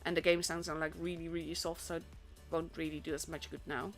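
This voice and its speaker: A young Dutch woman, speaking in her native-accented English, talks fast in a low, level voice. She's an esports caster and streamer from the Netherlands, casually commentating a tournament on her live stream and rambling with fillers and restarts. Faint stream music plays behind her.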